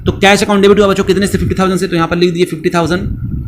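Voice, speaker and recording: Male commerce teacher, bantering lecture style, higher voice, faint hum behind. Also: little pitch movement, very fast. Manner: playful, answers his own questions in the students' voice; scolds teasingly. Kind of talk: classroom lecture.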